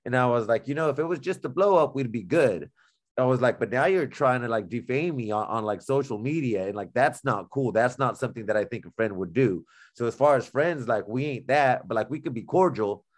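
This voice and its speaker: A man's voice: medium pitch, fairly quick, few pauses. A man co-hosting a podcast, telling a story in casual, blunt, profane slang and acting out the dialogue he quotes. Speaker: podcast co-host.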